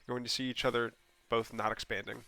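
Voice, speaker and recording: This male game caster does solo replay commentary in a bright, mid-range voice made gravelly, stuffy and scratchy by a cold. He moves at a quick pace, casual and rambling, with frequent ums and self-corrections, and erupts in excitement at plays.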